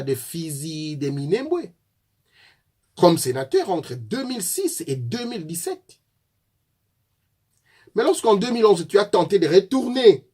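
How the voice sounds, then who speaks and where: Congolese guy ranting at his opponents, voice jumps all over, kinda raspy. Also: high voice. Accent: Congolese French. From Congo (DRC). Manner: fiery, accusatory, addresses opponents directly. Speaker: political activist. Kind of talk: impassioned political address.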